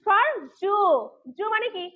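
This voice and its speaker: A woman's voice: extremely high pitch, steady tone, extremely slow. A woman teaching phonics to young children, sounding out each letter sound and asking questions. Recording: dull lo-fi sound.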